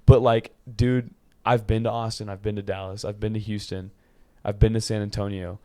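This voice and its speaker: A twenty-year-old man from California chats as a podcast guest. His voice sits slightly low and sounds smooth and clear. He rambles loosely, restarting sentences and dropping in filler. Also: level tone, normal speed, warm tone. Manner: loose, filler-heavy talk with many restarts and "bro". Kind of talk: casual chat.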